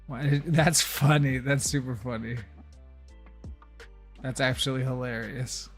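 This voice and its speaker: A man's voice: medium pitch, fairly even intonation, takes it slowly, soft background music. A man streaming a video game and chatting casually, ranting bluntly and swearing. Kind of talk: casual livestream chat while gaming.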